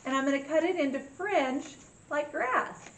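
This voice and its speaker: Her voice sits high and moves a little slowly as she leads kids through a craft project one step at a time. She gives plain instructions with the bright cheer of a children's host, recorded in an echoey indoor room with faint noise in the background.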